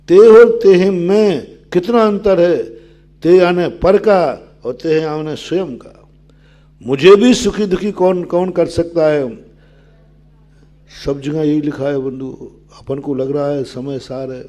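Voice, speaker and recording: An older Jain monk with a warm tone delivers a sermon explaining scripture, putting questions to his listeners and then answering them. He chants verses in a low sing-song.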